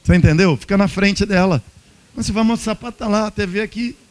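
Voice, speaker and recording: A Brazilian pastor preaching to couples with a fairly high-pitched voice. He tells light, humorous anecdotes and acts out bits of dialogue as he goes. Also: fast talker. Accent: Brazilian Portuguese. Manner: humorous storytelling, acting out quoted dialogue. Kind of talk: sermon at a couples' retreat. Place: church hall.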